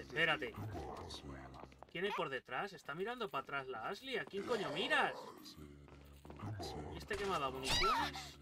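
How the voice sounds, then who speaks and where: A man with a Spain Spanish accent giving excitable let's play commentary, swearing a lot and talking back to the game. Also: fairly high pitch, distant mic, very noisy. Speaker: gaming YouTuber. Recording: game gunfire loud behind the voice. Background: loud game gunfire and ambience.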